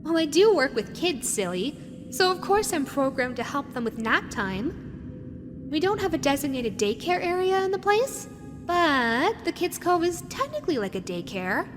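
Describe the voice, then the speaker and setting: With a high voice and big pitch swings at normal speed, a woman portrays a sweet, teasing animatronic vixen made for children. She speaks intimately to the listener, playfully cooing and coaxing before turning wistful, while music plays in a long, echoing hall.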